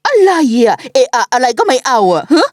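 A woman's voice: high-pitched, wildly swooping pitch, normal speed, dry recording, clean studio sound, full character voice. A woman voicing a touchy, dramatic middle-aged mother in a dubbed TV drama, talking in an indignant, scolding way. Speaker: dub actor.

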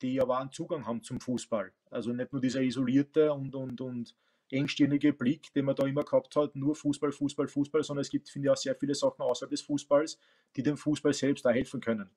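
Talking fast in a mellow, medium-pitched voice with fairly even intonation, a man in his forties with an Austrian accent joins a video call by webcam from his home, where bookshelves line the room. A coach and teacher, he reflects thoughtfully, often using fillers and restarting.

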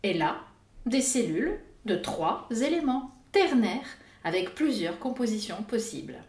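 A woman narrating an educational video as host, with a clear, didactic delivery. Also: a little high, sing-song, unhurried, darkish tone, roomy sound. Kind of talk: scripted explanatory narration.

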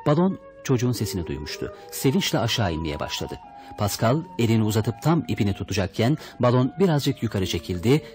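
A man's voice: lowish voice, sing-song, a little fast, darkish tone, soft background music. A man reading a children's story aloud, expressively voicing the characters' lines. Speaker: audiobook reader. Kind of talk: storybook narration.

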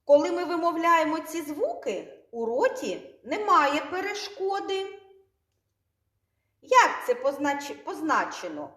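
A woman kindergarten teacher with a Ukrainian accent, speaking slowly and clearly, drawing out sounds and repeating words for the children to echo. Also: high voice, big pitch swings, a bit bright. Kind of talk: slow, clearly articulated lesson for small children.

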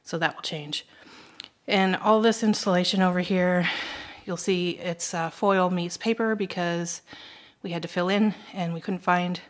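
A chatty middle-aged woman walks through her half-finished kitchen, explaining each detail in a slightly low voice and filling the gaps with ums. She is recorded indoors on a phone held at arm's length. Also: steady tone, a little slow. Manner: chatty, explanatory, pointing things out with frequent ums. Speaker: homestead vlogger. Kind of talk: casual home renovation update. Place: kitchen under renovation, indoors. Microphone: handheld phone camera at arm's length.

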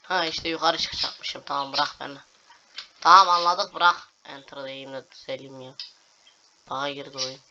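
A man's voice: medium pitch, little pitch movement, moderate pace. A young man giving casual gameplay commentary, narrating each move to viewers and swearing at glitches. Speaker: gaming video host. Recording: dull lo-fi home recording with clear noise.

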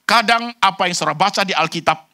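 A man preaching a sermon, addressing the congregation directly and swinging between loud high bursts and low quiet passages, dropping in English phrases. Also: fast talker. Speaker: pastor.

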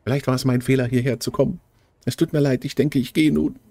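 A man voicing a melancholy young noblewoman in a game, reading in a halting, stilted way. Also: medium pitch, fairly even intonation, dark tone, no room sound, lightly acted. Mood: gloomy.

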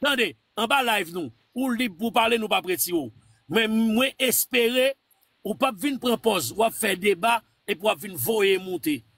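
A man's voice: sits high, animated, moderate pace, fairly bright tone, dry recording, clean studio sound. A man from Haiti hosting a live stream, insistently cutting in and lecturing a caller with scripture. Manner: insistent, repeats words to cut in; preachy, quotes scripture. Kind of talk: heated live call-in debate.

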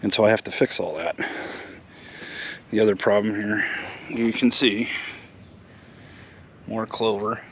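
A middle-aged American man hosts a lawn care vlog, explaining the job in a casual, plain-spoken, matter-of-fact way. His voice is fairly low and fairly even in intonation, a little slow, with frequent pauses. He's outdoors in a residential yard and later in an open garage, with clear outdoor ambient noise in the recording.

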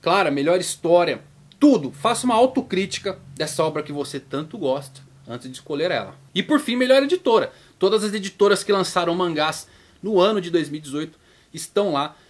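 A Brazilian man with a Brazilian Portuguese accent, hosting his manga vlog in a chatty, casual way and playing out viewers' questions in a higher voice. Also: animated, fairly quick. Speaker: YouTube manga channel host.

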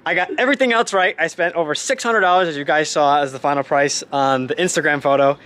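A man's voice: on the high side, quick pace, fairly bright tone. A young man from the Boston area with a Boston accent, chatting cheerfully and laughing often while working on his car. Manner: laughs easily, upbeat. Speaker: car vlogger.

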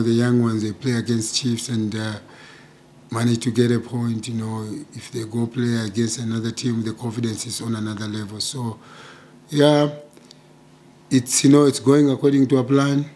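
A middle-aged man, a football coach answering questions at a post-match press conference, speaking in a measured way with many "you know" fillers into table microphones. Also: mid-range voice, warm tone, a little hiss or hum. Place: press conference room with sponsor backdrop. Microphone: table microphones in front.

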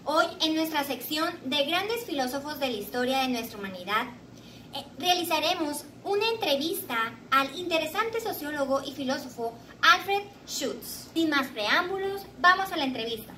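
Speaking brightly and forcefully at normal speed, a young woman with a high, animated voice asks formal questions as host of a scripted mock interview. The setting is a small bare room with tiled flooring, recorded from a distant camera with echo and a steady hiss behind her.

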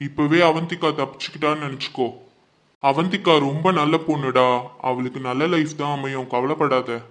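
Reassuring young friend, a man doing it, soft and steady, somewhat high voice. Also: fairly quick, close to an everyday voice. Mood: consoling. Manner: reassuring, gentle. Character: young man calmly comforting his friend.

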